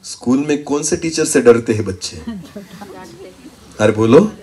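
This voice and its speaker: A male pastor preaching a call-and-response sermon, questioning the congregation, having them repeat answers back, and breaking into sudden shouts. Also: medium pitch, lively intonation, a little slow.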